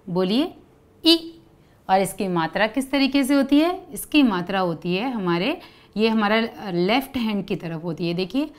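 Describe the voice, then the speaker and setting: A woman teaching a lesson to young children, explaining patiently step by step, drawing out sounds and asking the kids to repeat after her. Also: medium pitch. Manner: stretches syllables and asks kids to repeat.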